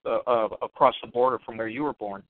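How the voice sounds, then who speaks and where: A man's voice: mid-range voice, steady tone, a little fast, no room sound. A man from Chicago's South Side hosting a radio interview, with a learned general American newscaster accent and a chatty, rambling manner full of restarts. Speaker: radio host. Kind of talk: casual interview. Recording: dry phone-line audio.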